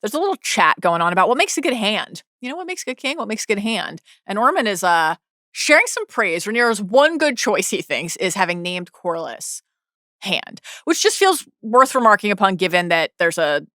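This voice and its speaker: A woman co-hosting a podcast, recapping a TV episode quickly and enthusiastically, often restarting sentences. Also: medium pitch, sing-song, pushed and bright, no room sound, studio quality. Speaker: podcast co-host. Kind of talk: casual TV recap chat.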